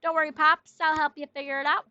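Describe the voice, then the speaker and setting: A breezy, teasing teenage girl from a game, read by a woman. The voice sits high and sounds bright and sharp. The recording is a little dull and lo-fi. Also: flat delivery, fast talker, no room sound. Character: teenage girl, the dad's cheeky daughter.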